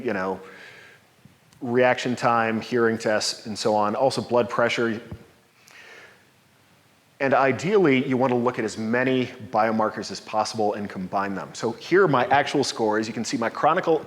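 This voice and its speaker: A man's voice: mid-range voice, moderate pace. A man in his forties giving an upbeat slide talk at a podium, explaining and mixing in personal examples. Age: 40s. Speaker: presenter. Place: dark lecture hall, standing at a podium. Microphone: podium mic from a distance. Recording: reverberant hall, voice from afar.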